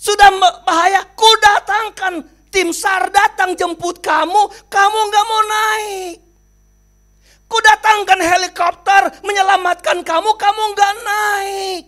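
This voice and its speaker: God figure, firm and slow, rebuking, as a preacher puts him on. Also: male voice, very high voice, fairly even intonation, bright, forceful tone, pitched above the performer's own voice, exaggerated voice. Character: God answering calmly and firmly.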